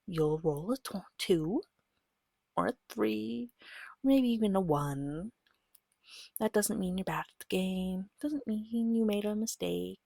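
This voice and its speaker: Speaking softly into a close microphone, a woman acts as game master and ASMR host, guiding listeners through a tabletop game. Her mid-range voice is breathy and often slips into a whisper, and her delivery is gentle, patient, reassuring, slow and deliberate. There's no echo.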